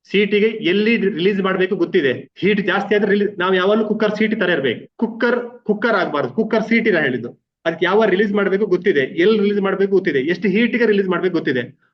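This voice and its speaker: A man's voice: high-pitched, fast talker. A middle-aged man with a Kannada accent, a wellness coach talking to a group, repeating himself and restarting words. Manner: repetitive, restarts words, mixes English terms. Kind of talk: live group coaching talk. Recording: dull lo-fi audio.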